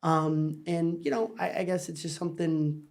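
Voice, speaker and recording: Female host for a reaction show. Lowish voice, casual explanatory commentary. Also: flat delivery, moderate pace, a little mellow.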